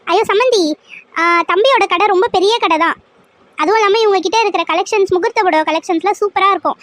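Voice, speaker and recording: A woman's voice: extremely high pitch, fast, fairly bright tone, no room sound. A woman voicing a boastful, fussy middle-aged aunt arranging a wedding in a cartoon serial.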